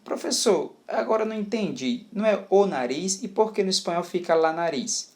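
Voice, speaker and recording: A bewildered young student, voice lifted well above the teacher's own, confused and questioning. A man plays the student inside his own lesson. The pitch sits clearly higher than his usual speaking tone. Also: lively intonation, a little fast, a little mellow. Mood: puzzled.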